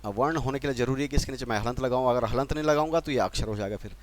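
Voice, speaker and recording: Talking very fast in a mid-range voice, a man with an Uttarakhand Hindi accent runs a spelling lesson at a board. He is from Uttarakhand, stays patient, goes back over the main points, and questions the class.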